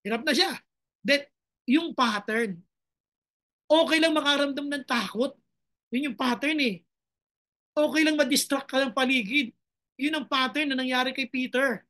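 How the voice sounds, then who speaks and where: A woman's voice: sits high, measured pace, pauses often, a bit bright. A woman pastor preaching a sermon with passion. She switches between two languages and breaks into dramatic cries to God.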